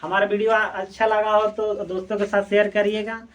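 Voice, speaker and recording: A woman's voice: mid-range voice, flat delivery, a little fast. A woman teaching chemistry, repeatedly asking questions and answering them herself. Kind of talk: classroom explanation. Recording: voice distant from the mic.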